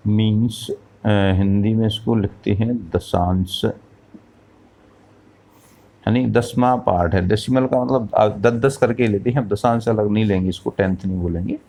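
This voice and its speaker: Male math teacher, lower pitch, very slow and patient classroom delivery, self-answered questions. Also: mellow. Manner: slow, patient explaining with rhetorical questions and counting aloud.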